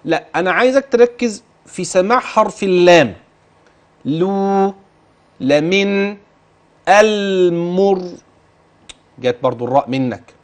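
A man with an Egyptian Arabic accent teaching Quran recitation, asking questions and reciting example words slowly and drawn out. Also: high voice, big pitch swings. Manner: patient, questioning and drilling the listener. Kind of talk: tajweed lesson, modelling recitation.

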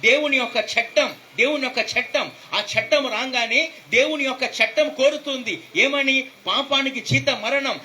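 A man's voice: sits high, bright, forceful tone, slight background noise. A man preaching a fervent sermon as pastor, calling out hallelujahs throughout.

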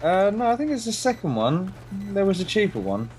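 A man's voice: high-pitched, very animated, a little fast, over music. A man chatting casually while playing a co-op shooter, joking and rambling. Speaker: gamer. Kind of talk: casual co-op game chat.

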